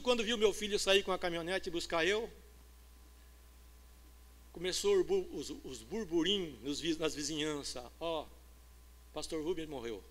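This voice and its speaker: High bright-voiced Brazilian pastor preaching. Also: male voice. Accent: Brazilian Portuguese. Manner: swings from hushed storytelling to loud preaching. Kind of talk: sermon. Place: church.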